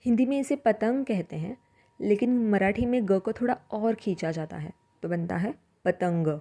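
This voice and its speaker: A woman teaching a language lesson, slowly drawing out example words and explaining how to say them. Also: medium pitch, gravelly, warm tone. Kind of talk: slow spoken language lesson.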